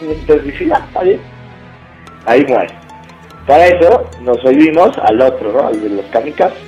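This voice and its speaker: A young man with a Mexican accent telling a funny story to friends in casual, slangy talk, laughing and acting out shouts. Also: medium pitch, lively intonation, moderate pace, roomy sound, faint music behind, low-quality recording. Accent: Mexican Spanish.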